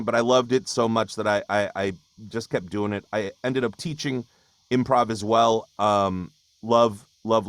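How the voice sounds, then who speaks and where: A man's voice: on the low side, no echo. A man in his thirties from Hawaii, a voice actor chatting casually on a video call, rambling with fillers and restarts. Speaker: voice actor guest. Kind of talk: casual webinar talk.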